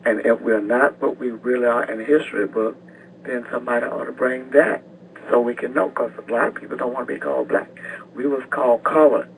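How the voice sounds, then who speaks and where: A man calling into a talk radio show over a phone line, rambling and halting with many restarts. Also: mid-range voice. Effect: call-in voice heard over the phone line on air. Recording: distant phone-in line with faint hiss.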